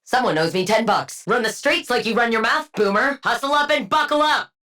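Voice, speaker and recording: A woman's fairly high, brisk voice, pushed and bright, performs combat barks for a video game supervillain, a cool and sardonic female scientist. She keeps a smug, deadpan mood, with precise diction and a clinical, condescending, dryly witty manner.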